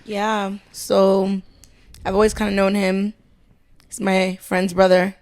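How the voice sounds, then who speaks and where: A woman's voice: mid-range voice, little pitch movement, slow pace, a little mellow, clean tone. A woman of twenty-seven chatting as a guest, easygoing and matter-of-fact. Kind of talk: casual chat.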